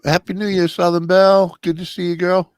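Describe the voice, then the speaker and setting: A man's voice: high-pitched, flat delivery, fairly quick, no echo. A man chatting casually on a live stream panel, telling stories in a rambling way with many fillers. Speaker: panel guest.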